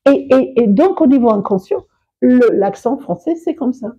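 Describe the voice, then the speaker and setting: A woman's voice: a little high, expressive, moderate pace, breathy edge, narrow, tinny audio, faint music behind. A woman who works as a public speaker and coach, talking expressively in an interview, laughing often and restarting her sentences. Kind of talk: interview conversation.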